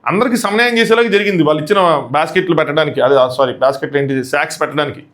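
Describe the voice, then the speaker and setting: A man with a Telugu accent giving a quick, animated review of a reality show episode, acting out the contestants' lines. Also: a little high. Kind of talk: fast episode review commentary.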